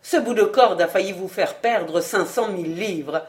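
A woman's voice: medium pitch, measured pace, darkish tone, close to an everyday voice. A woman voicing an old male scoundrel who speaks firmly, with authority. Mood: commanding. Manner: firm, authoritative.

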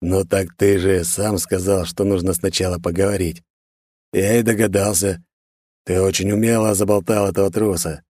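A man voicing a calm, sly male squad commander who speaks slowly and indifferently. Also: deep voice, no room sound, clean studio sound. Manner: slow, indifferent, smug.

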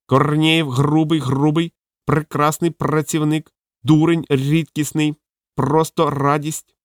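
A man voicing a strange talking parrot that repeats clipped words slowly, as an audiobook character. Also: fairly high pitch, little pitch movement, no room sound, clean studio sound, pitched above the performer's own voice. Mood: cryptic.

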